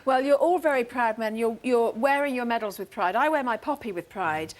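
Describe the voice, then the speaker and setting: A woman hosting a live shopping channel interview at a very brisk pace. Her voice sits fairly high, and she is effusive and encouraging toward her guests.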